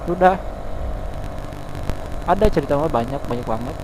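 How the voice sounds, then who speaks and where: A young man from Cianjur talks candidly as he rides through town at night. His voice sits a little high for a man, and loud traffic and road noise roar behind him. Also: expressive, moderate pace. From Cianjur, West Java. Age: 20s. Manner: candid, rambling, heartfelt. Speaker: vlogger. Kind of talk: casual confessional chat while riding at night.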